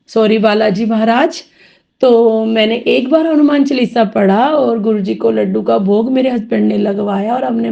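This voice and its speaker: A woman's voice: on the high side, vocal fry, mellow. A woman giving a rambling, heartfelt devotional testimony, full of thanks, recorded dull and lo-fi.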